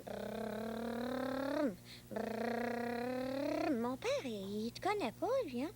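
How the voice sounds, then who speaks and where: A woman's voice: high-pitched, sing-song, normal speed, background noise. A woman playing a playful young boy with an imaginary friend, chatty and bossy, with a Québécois accent. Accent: Québécois French. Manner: bossy, chatty, engine noises. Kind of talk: children's TV acting.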